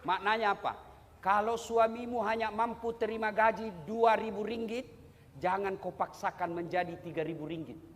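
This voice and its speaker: A man preaching a humorous sermon to a crowd, teasing his listeners and swinging between soft asides and loud bursts. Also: sits high, moderate pace. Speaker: Islamic preacher. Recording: echoey hall with steady background noise.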